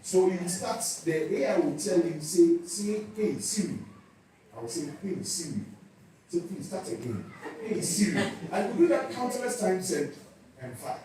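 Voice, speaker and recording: At a church youth session in a hall full of echo, a Ghanaian-accented man with a high but dark-toned voice talks in an animated, measured way. He tends to repeat words as he searches for what comes next before picking up speed, and a little hiss or hum sits under the distant recording.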